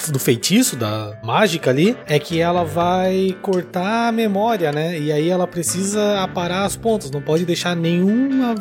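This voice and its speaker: A woman's voice: fairly low pitch, animated, moderate pace, hardly any pauses, music in the background. A woman with a Brazilian Portuguese accent co-hosting a podcast, chatting casually and with slang about books. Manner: informal, slangy. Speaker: podcast co-host. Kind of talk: casual book club chat.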